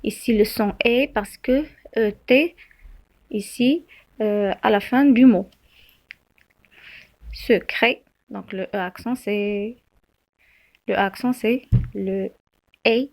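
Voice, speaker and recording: A woman teacher, explaining spelling slowly, with frequent fillers and self-corrections. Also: mid-range voice, darkish tone. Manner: slow, halting, many fillers and self-corrections. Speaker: French teacher. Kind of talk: spelling lesson.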